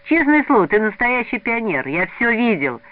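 A man's voice: high voice, big pitch swings, moderate pace, pitched above the performer's own voice. A man reading aloud, voicing a lanky, enthusiastic older schoolboy who speaks eagerly in a raised voice. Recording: narrow lo-fi radio recording.

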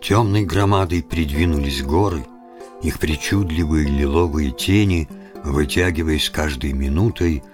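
A man narrating a story in a measured, dramatic reading style. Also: rumbling low, music in the background. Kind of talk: scripted audiobook narration.

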